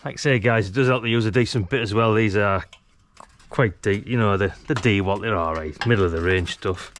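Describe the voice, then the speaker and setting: A British man with a fairly low, brisk voice talks informally through a hands-on DIY tutorial while working outside against a house's brick wall. He comes across as a DIY vlogger and radio hobbyist, and the clear recording carries outdoor work ambience in the background.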